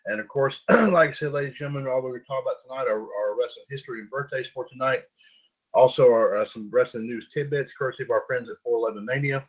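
A man's voice: medium pitch, quick pace, breathy edge. Folksy male radio host, lo-fi sound. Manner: folksy, repeats himself, lots of fillers. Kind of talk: casual internet radio hosting. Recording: dull lo-fi internet radio audio.

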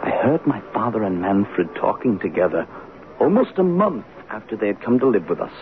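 An actor playing a grown son who narrates his childhood in an old radio drama, reflective and measured. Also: fairly low pitch, very animated. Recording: tinny old radio broadcast with music under it.

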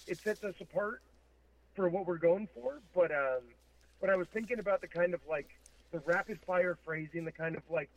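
A man speaking as a musician guest in a casual interview, reflective and thinking aloud, over a remote call. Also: a little high. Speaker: metal band vocalist, interview guest. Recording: thin, phone-like call audio.

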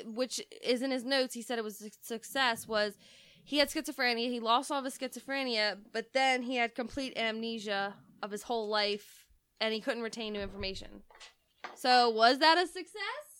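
High, smooth-voiced chatty woman. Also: normal speed, a bit bright, no room sound. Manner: laughs often, stumbles over words. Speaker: podcast co-host. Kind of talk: casual chat.

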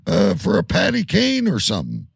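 A man's voice: mid-range voice, huge pitch swings, normal speed, gravelly, slightly rough, no room sound, studio quality. A man hosting a casual sports podcast, talking loosely with many restarts and fillers. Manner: rambling, stumbles and restarts, fillers. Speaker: podcast host.

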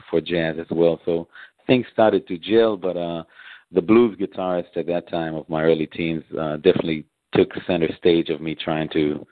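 A man from Israel, a guest musician, answering interview questions casually in a soft, halting way with many fillers. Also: sits low, no room sound. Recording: dry, tinny phone-like line.

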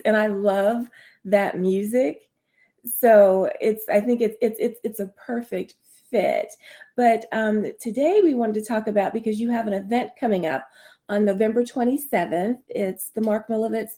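A woman's voice: medium pitch, dark tone. A woman hosting an online radio show, chatting casually with a guest, laughing often and talking with many fillers and restarts. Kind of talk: casual interview.

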